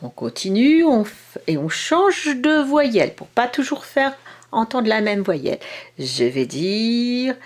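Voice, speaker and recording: Kindergarten teacher, woman; slow, deliberate delivery that draws out each sound, with a lively, animated pitch. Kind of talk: instructional video for parents.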